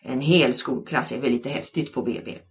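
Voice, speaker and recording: A woman voicing a big, friendly male primary school teacher with a deep, dark voice and a kindly, slightly awkward manner. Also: fairly even intonation.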